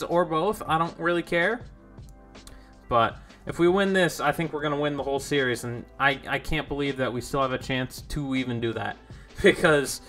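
A man's voice: a little high, sharp tone. Chatty young man narrating gameplay. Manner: rambling, chatty, easily confused, self-deprecating asides. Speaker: gaming YouTuber. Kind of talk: casual gameplay commentary.

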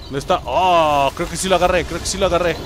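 A young adult man with a Mexican accent giving excitable gameplay commentary, swearing and yelping as he plays. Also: fairly high pitch, fast. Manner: excitable, swearing, yelps and shouts. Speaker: gaming youtuber.

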